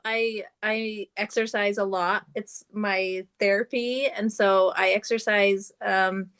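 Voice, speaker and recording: A woman's voice: mid-range voice, a bit bright, clean tone. Upbeat, candid woman on a video call. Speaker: guest. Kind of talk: casual chat on a video call.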